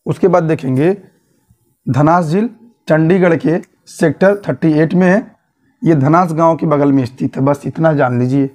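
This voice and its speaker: A man's voice: a little high, normal speed, a little mellow. Man teaching an exam-prep class. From Uttar Pradesh, India. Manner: repetitive, quizzing listeners with tag questions.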